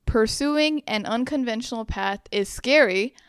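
A woman's voice: a little high, unhurried, smooth, dry recording, clean studio sound. A young woman in her twenties co-hosting a podcast, talking casually with lots of filler words. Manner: chatty, many fillers. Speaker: podcast co-host. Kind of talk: casual chat.

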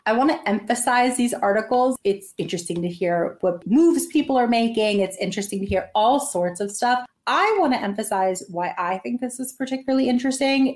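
Chatty, emphatic woman hosting a podcast. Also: medium pitch. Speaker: podcast host. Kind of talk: casual solo news commentary.

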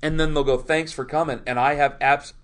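A man, a sports radio host, telling stories in a loose, rambling way full of quick asides during a casual interview. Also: fairly high pitch, fairly even intonation, fairly bright tone, a little hiss or hum. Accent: Ohio.

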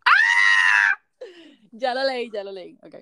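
A woman's voice: on the high side, unhurried, shouting. Chatty code-switching woman. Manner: animated, mixes English phrases into Spanish. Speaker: podcast co-host. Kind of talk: casual chat about a reality dating show.

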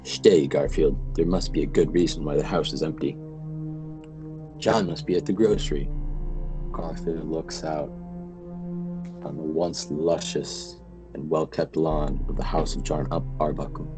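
A man giving a mock-dramatic spooky reading of comic strips, slow and theatrical. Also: rumbling low, steady tone, over music, rough recording. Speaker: podcast co-host.

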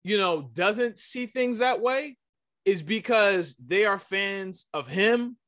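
A man hosting a podcast pushes his argument insistently and emphatically in a heated debate, often repeating himself. His voice sits high with lively intonation, a slow pace, and a fairly bright tone.

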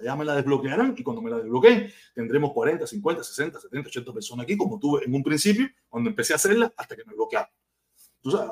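A man's voice: mid-range voice, a little mellow. A man from Cuba with a Cuban accent, ranting bluntly and profanely on a casual live stream.

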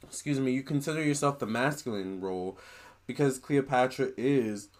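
A chatty man talking straight to camera in a casual monologue. He relays what a spirit is telling him in an animated, gossipy way and throws in gushing exclamations along the way. His voice sits at an ordinary pitch for a man. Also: moderate pace. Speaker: vlogger relaying a spirit's words.

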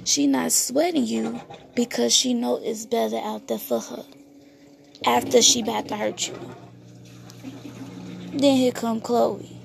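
A woman talks through an album review in relaxed, casual speech, explaining the lyrics line by line. Her voice sits a little high and carries a heavy gravelly fry. A faint hum runs underneath the recording. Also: unhurried, pauses often. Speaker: music reviewer.

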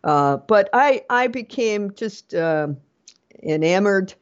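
A woman's voice: mid-range voice, expressive, slow, clean tone, dull audio. A middle-aged woman, an author and professor, answering interview questions with many ums and restarts. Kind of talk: podcast interview.

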